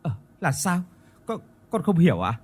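A man's voice: a little high, big pitch swings, moderate pace, a little mellow, breathy edge, soft background music, pitched above the performer's own voice. A man voicing a heartbroken, polite young village man in a ghost story. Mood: sad.

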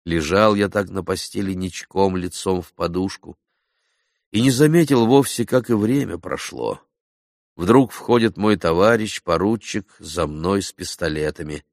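A man reading a first-person literary audiobook as narrator, dramatic and emotional, slowing for emphasis. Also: sits low, no room sound, clean studio sound.

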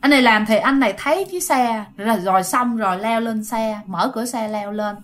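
A woman's voice: a little high, brisk. A woman telling ghost stories casually, talking straight to her listeners. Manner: chatty, addresses listeners directly. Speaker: storyteller.

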